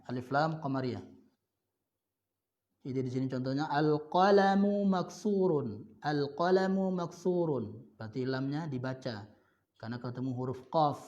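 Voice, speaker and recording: A man from Indonesia explains Arabic grammar to a class of students. His voice sits in an ordinary middle pitch, and he slows right down to spell out each example, dotting his talk with "ya" and "nah". The recording sounds a little dull and lo-fi. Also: a little mellow. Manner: slow, drawn-out example words, repeats points with "ya" and "nah". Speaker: Arabic teacher.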